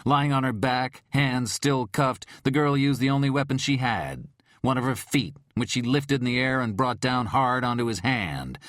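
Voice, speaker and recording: A man narrating an audiobook thriller in a measured, dramatic storytelling manner. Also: medium pitch, lively intonation, fairly bright tone, no echo, studio quality.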